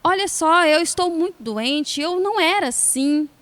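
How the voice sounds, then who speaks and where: A woman's voice: extremely high pitch, lively intonation, normal speed, fairly bright tone, in a large hall. A woman voicing a giant tree, once full of life and now sick, pleading for help in a fable. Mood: sorrowful. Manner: plaintive, pleading. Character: dying giant tree, female, sorrowful.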